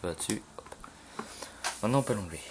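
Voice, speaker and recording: A man casually talking through a game tutorial, halting with fillers and loose slang, filmed on a phone at a home computer. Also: on the low side, lively intonation. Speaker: gaming tutorial maker. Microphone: phone filming a screen. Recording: phone recording with faint room noise.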